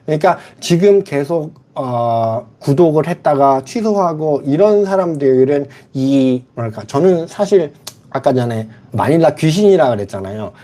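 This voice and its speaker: A middle-aged man hosts a casual livestream from the Philippines, reading chat aloud and answering viewers frankly and bluntly. His voice is fairly high-pitched yet dark in tone, animated but unhurried.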